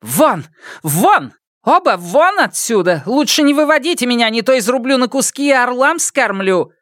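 A reader voicing a sharp-tongued, spiteful woman boss who heaps abuse on her relatives, in an audiobook. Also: medium pitch, sing-song, normal speed, dry recording, clean studio sound, pitched above the performer's own voice, natural voice. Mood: screaming fury. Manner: scornful, abusive tirades. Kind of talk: audiobook character voice.

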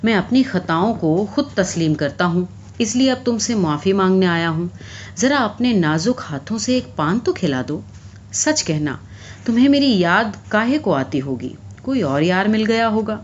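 A woman's voice: mid-range voice, very animated, slight background noise, close to an everyday voice. Woman storyteller doing a sheepish pleading man, plain voice, dull lo-fi sound.

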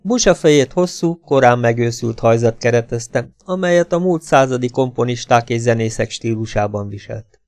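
Calm male audiobook narrator. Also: medium pitch, no room sound, studio quality. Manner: calm, even reading.

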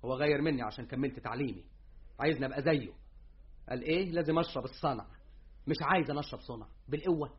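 Actor as a rebellious young Egyptian student, rattles fast and indignant, dull lo-fi radio tape. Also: male voice, mid-range voice, close to an everyday voice. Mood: defiant. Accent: Egyptian Arabic. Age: young adult. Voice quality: heated and indignant. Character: young male student, defiant, stubborn. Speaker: younger brother. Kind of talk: Egyptian radio drama acting.

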